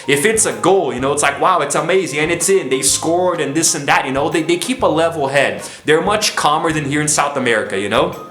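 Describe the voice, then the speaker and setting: A man from Brazil vlogs to camera about his opinions using the camera mic, filming himself. His voice is fairly high and a bit bright, a little fast, in a reverberant space with faint music behind; he sounds tired and low on energy, chatting and often saying "you know".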